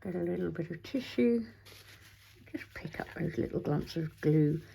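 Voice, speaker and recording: A middle-aged woman with a low, slightly gravelly voice talks her way through a craft project at her desk. She thinks aloud, chats to her materials and now and then slips into a breathy near-whisper. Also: animated, moderate pace, mellow. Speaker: craft tutorial host. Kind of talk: casual crafting tutorial, talking while working.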